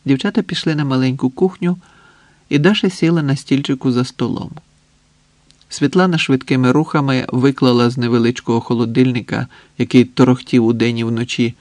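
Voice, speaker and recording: A man reading a novel aloud as the narrator, calm and even in his storytelling. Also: medium pitch, dry recording. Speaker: audiobook reader. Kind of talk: scripted narration.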